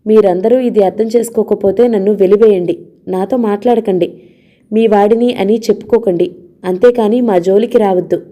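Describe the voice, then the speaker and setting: A woman's voice: mid-range voice, fairly even intonation, normal speed, warm tone, lightly acted. A woman voicing a young husband who firmly defends his marriage against his family in an audio novel. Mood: defiant. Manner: firm, defiant.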